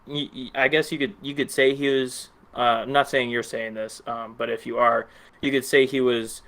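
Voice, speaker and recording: Flat-toned, hesitant man on a podcast. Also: mid-range voice, normal speed. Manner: hesitant, many fillers like um and you know. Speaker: podcast co-host. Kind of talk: casual film review chat.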